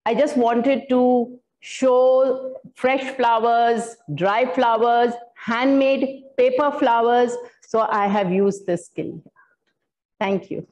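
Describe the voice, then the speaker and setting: An older woman demonstrates floral art at a workshop in an indoor studio, explaining her materials step by step with some fillers. Her voice is on the high side, slow and darkish, and the recording sounds muffled.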